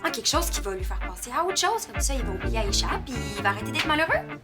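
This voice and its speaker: Casual: a fast-talking meddling teen girl, quebec french accent, high bouncy voice, loud music behind. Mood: excited. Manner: excited, pushy. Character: eager, meddling teenage girl.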